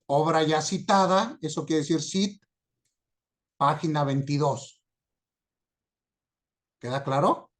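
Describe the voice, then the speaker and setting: Male lecturer, high voice, unhurried, patient explainer. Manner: slow, patient, checks understanding often. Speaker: teacher. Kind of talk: recorded lecture on citation format.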